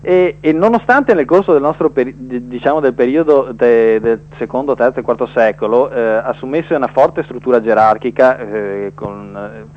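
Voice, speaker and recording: A man's voice: medium pitch, normal speed, hardly any pauses. A man calling into a radio show over the phone, talking in a hesitant way with many fillers and restarts. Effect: heard over the phone line. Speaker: radio call-in caller. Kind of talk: casual debate on air. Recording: muffled phone-line audio.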